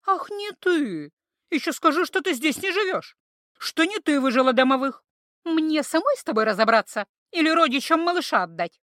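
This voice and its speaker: A woman's voice: high voice, sing-song, moderate pace, a bit bright, dry recording, studio quality, voice pushed up. A woman voicing a fierce young female witch-healer who scolds and threatens. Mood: angry scolding.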